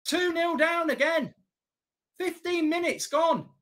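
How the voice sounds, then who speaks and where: A man's voice: very high voice, takes it slowly, a bit bright. A man, reacting live to a football match as a watchalong host, exasperated, emphatic, repetitive and sweary. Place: small indoor studio set at a desk.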